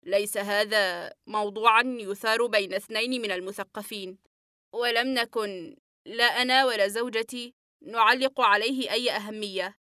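A woman's voice: mid-range voice, fairly even intonation, moderate pace, clear, resonant tone, no room sound, studio quality, close to an everyday voice. A woman reading the part of an agitated male patient in an audiobook, breathless and trembling as she voices him. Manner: breathless, trembling, flaring into shouts.

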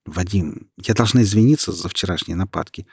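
A man's voice: mid-range voice, expressive, normal speed, darkish tone, husky, no room sound, clean studio sound. A man voicing a proud young woman who is keen on science and explains at length, in an audiobook. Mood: apologetic. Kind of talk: audiobook character reading.

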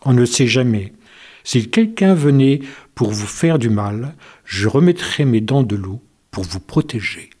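A man's voice: medium pitch, expressive, a little slow, a little mellow, breathy edge. A man voicing a male wolf who has lost his teeth, groaning and fearful, in a storybook reading. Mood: gentle. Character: male wolf, toothless, anxious then tender.

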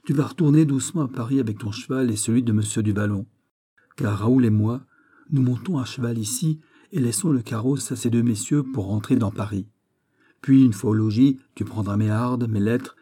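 Dignified old count, read by a man, gentle and steady, warm dark tone. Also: mid-range voice, normal speed, husky, close to an everyday voice. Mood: calm.

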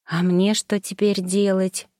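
A woman's voice: medium pitch, flat delivery, a little slow, dark tone, dry recording, studio quality, lightly acted. A woman voicing a young pregnant woman who is emotional and tearful but finds resolve, as an audiobook character. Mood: anxious. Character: young anxious pregnant woman, later a doting mother.

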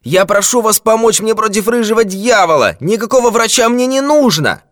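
A man's voice: high voice, lively intonation, normal speed, voice pushed up. A man voicing a frail, paranoid old man who shrieks in panic. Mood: shrieking.

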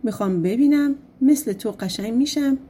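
A scheming bald girl from an old storybook, coaxing and smooth-tongued. Her voice is slightly high and breathy, the way a woman reader puts her on. She talks sweetly to get her way. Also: dark tone.

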